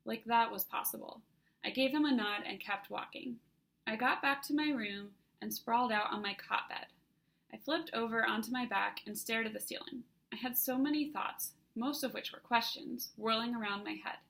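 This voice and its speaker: A woman, the author, narrating her own young adult fantasy novel in the first person with an even storytelling delivery. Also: on the high side, moderate pace, vocal fry.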